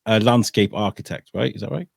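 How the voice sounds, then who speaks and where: A male podcast host with a lower-pitched voice talks through a casual interview. He hesitates often and restarts his sentences. The sound is dry and close, with no room echo. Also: fairly quick, vocal fry, breathy edge. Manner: hesitant, many ums and restarts.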